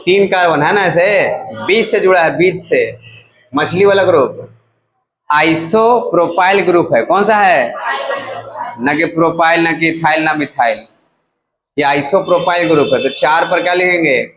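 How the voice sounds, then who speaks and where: Male chemistry teacher, coaxing call-and-response lecture, voice pitched a bit high, faint noise behind. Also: moderate pace. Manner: keeps asking the class to repeat terms; casual, coaxing teacher talk. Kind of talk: classroom lecture.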